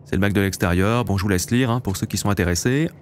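A man's voice: lowish voice, fast. A man in his late twenties hosts a let's play, chatting casually to viewers as he plays. He talks in an easy, loose way. A faint hiss sits behind his voice. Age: late 20s. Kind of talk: casual gameplay commentary.

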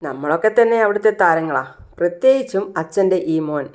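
A narrator voicing a scheming young woman who talks sweetly and flatters. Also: lowish voice, a little fast, natural voice. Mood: flattering. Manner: flattering, sly.

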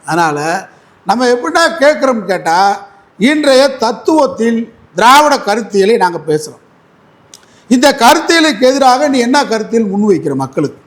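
A man's voice: extremely high pitch, very animated, moderate pace. A man speaking as an advocate in a heated political interview, combative and mocking, repeating his points.

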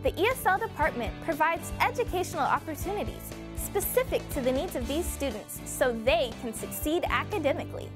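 A woman's voice: high voice, lively intonation, fairly quick, hardly any pauses, music in the background. A young woman student reporter reading scripted news narration.

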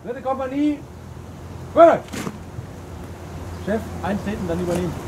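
A man's voice: extremely high pitch, normal speed. A man speaking as a military officer, giving a formal, projected address to his assembled troops outdoors. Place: outdoors on a paved square before troops. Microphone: camera mic a few steps behind. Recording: noisy outdoor recording with crowd.

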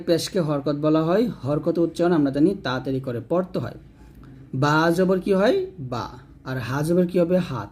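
A man teaching Quran reading to older learners, spelling out syllables in a steady drilling chant. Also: on the high side. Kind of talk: slow spelled-out recitation lesson.

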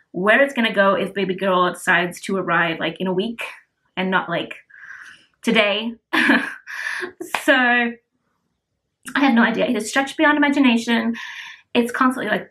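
A woman's voice: medium pitch, sharp tone. A heavily pregnant woman in her twenties chatting casually to camera as a vlogger, breathless and weary, with emphatic repetition and self-deprecating humour. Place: small furnished room indoors. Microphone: camera at about arm's length.

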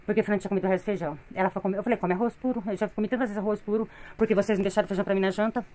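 A woman's voice: mid-range voice, fairly even intonation, rapid-fire, dark tone, a little hiss or hum. A middle-aged woman with a Brazilian Portuguese accent venting in a weary, complaining tone in a casual home vlog, filmed on a phone in her living room. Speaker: vlogger, mother of three.

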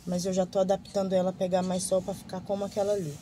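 A woman's voice: medium pitch, monotone, quick pace, warm tone, slight background noise, rough recording. A woman vlogger showing her plants, gushing and repeating words of praise in a casual show-and-tell. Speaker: gardening vlogger.

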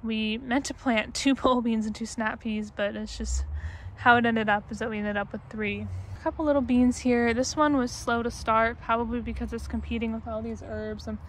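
A twenty-something American woman gives a casual, unscripted tour of her backyard garden, holding a phone or camera at arm's length. Her fairly high voice stays steady at a moderate pace with few pauses, and there's slight background noise.

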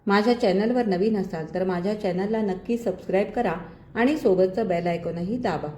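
A woman storyteller giving a steady, expressive scripted story reading. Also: mid-range voice, normal speed. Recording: roomy echo.

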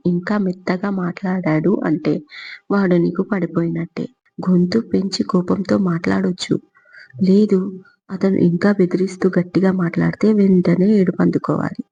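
A woman's voice: fairly low pitch, creaky, mellow, slightly rough. A woman voicing a blunt, bossy older grandmother who lectures and scolds, on a dull lo-fi recording.

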